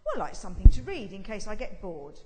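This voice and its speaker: A woman's voice: mid-range voice, huge pitch swings, quick pace. A woman playing an eager, questioning male disciple in a sketch, wheedling and pestering, recorded in an echoey hall. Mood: reluctant, bargaining. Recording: echoey hall with long reverb.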